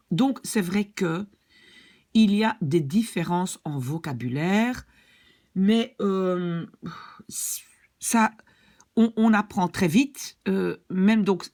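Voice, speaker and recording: A Dutch language teacher from Belgium, speaking with a Belgian French accent, explains a language point in a chatty, casual lesson full of examples and asides. Her voice is lowish, gravelly and a little mellow.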